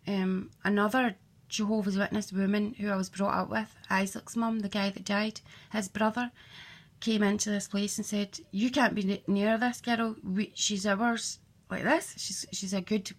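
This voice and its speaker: Woman, frank personal storyteller, gravelly fry, curses freely, mid-height voice. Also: mid-range voice, steady tone, moderate pace. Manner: candid, swearing, blunt storytelling with quoted dialogue.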